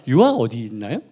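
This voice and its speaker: A man with a mid-range, slightly mellow voice preaches at a midweek church service in a playful, chatty style. The pastor, from Gunwi, North Gyeongsang, South Korea, jokes with and quizzes the congregation throughout.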